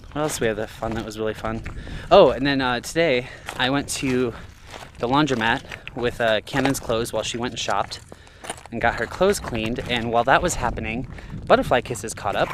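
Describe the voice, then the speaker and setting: A man records himself while walking a trail in the evening, talking loosely with plenty of fillers and small laughs. His voice sits at an ordinary middle pitch. A faint hiss of outdoor noise runs under the camera mic. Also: fairly bright tone. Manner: rambling, chuckles often, many fillers. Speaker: thru-hiker vlogger. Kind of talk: casual vlog narration while hiking.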